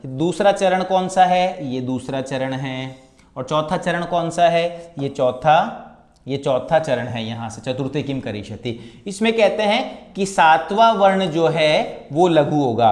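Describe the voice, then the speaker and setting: Rajasthani guy teaching, counts out syllables slow, a bit high voice, echoey room. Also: a little mellow. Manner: counts syllables aloud slowly, chants verses drawn out. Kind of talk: classroom lesson on Sanskrit meter.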